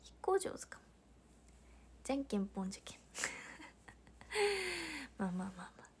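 A woman's voice: high-pitched, sing-song, a little slow, whispered. A young woman from Hiroshima with a Hiroshima accent, chatting casually on a livestream, reading viewer comments aloud and laughing often. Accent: Hiroshima Japanese. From Hiroshima, Japan. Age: young adult. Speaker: idol livestreamer.

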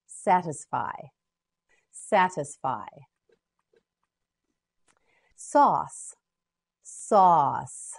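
A woman teaching pronunciation, slowly saying single words again and again with short prompts for the learner to repeat. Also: fairly low pitch, a little mellow, slightly rough. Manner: repeats each word several times, short prompts to repeat. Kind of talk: slow word-by-word drill for learners.

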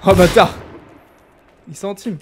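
A young man from France giving casual, animated commentary as he streams a game. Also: high-pitched, slow pace. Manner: chatty, animated, jokey, exclaims loudly. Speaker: gaming streamer. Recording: faint background noise.

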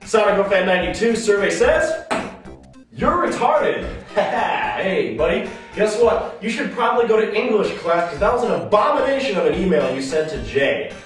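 A man's voice: high-pitched, expressive, fast talker, hardly any pauses, distant mic. Brief: snarky male web host, raised voice, very echoey room with music under it. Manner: sarcastic, exasperated, swears. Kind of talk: comedic rant reading fan mail.

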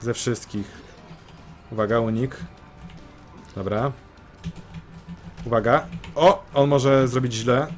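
A man giving excitable let's-play commentary, swearing and repeating phrases in bursts. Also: mid-range voice, slow pace, long pauses, faint music behind. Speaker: gameplay commentator.

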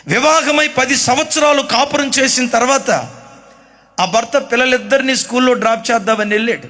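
Male preacher, sermon delivery, high bright voice, dramatic storytelling with shouted peaks. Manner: dramatic storytelling, acting out pleading and confessions, rising to shouts.

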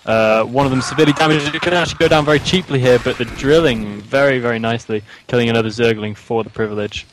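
A man's voice: mid-range voice, fast, hardly any pauses, a little hiss or hum, rough recording. Male co-caster on a robotic, glitchy call line. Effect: robotic, glitchy voice call audio. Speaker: esports co-caster. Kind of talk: live game commentary.

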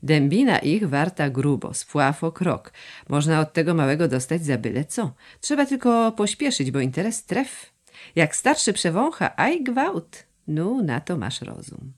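A woman's voice: sits low, big pitch swings, a little slow, exaggerated voice. A woman voicing a scheming, greedy male moneylender in an audiobook, insistent and bargaining.

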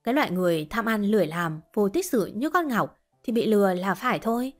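A woman's voice: mid-range voice, animated, a little fast, soft background music, close to an everyday voice. A woman voicing a spiteful, scornful young wife. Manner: mocking, scornful.

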